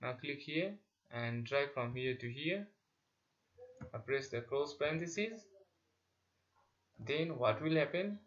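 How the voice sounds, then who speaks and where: A man giving a step-by-step software tutorial, dictating instructions in short, halting phrases. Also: medium pitch, expressive. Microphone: voice-over on a screen recording. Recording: dull, lo-fi sound with clicking.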